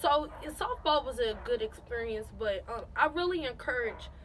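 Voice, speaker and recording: A young woman in her late teens tells a casual story straight to her camera. Her voice sits a little high and sounds bright and forceful, with a faint hiss behind it. She talks in an animated way and repeats phrases for emphasis. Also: normal speed, poor audio. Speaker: vlogger.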